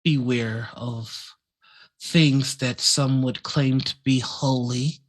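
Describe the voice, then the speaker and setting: A man voicing a seductive, maternal vampire goddess who speaks slowly and solemnly in a hushed, possessive way. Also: medium pitch, fairly even intonation. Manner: slow, hushed, solemn, breathy delivery.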